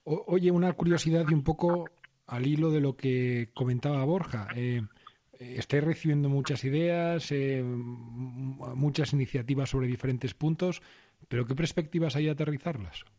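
Mellow-voiced Spanish male co-host. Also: medium pitch, moderate pace, lo-fi sound. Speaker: radio co-host.

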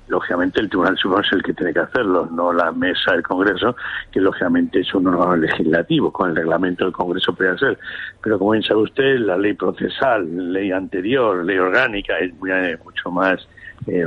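A man, a public prosecutor, explaining legal points in a measured way during a radio interview. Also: low voice, slightly rough, phone-quality sound. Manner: measured, explanatory, hesitant fillers.

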